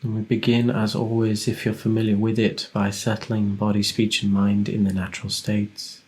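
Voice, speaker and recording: A man leads a guided meditation as a teacher, giving gentle, unhurried instructions with long pauses. His voice is lowish and monotone.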